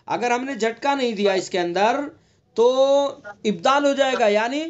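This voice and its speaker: A man teaching Quran recitation rules in an online class, slowly modeling words and checking that students follow. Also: very high voice, dull audio. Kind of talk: tajweed lesson with recited examples. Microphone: online class recording.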